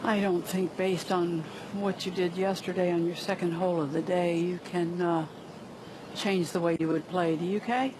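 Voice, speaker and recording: A woman's voice: on the low side, steady tone, normal speed. A woman giving conversational live commentary as a golf analyst. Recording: clear outdoor ambient noise.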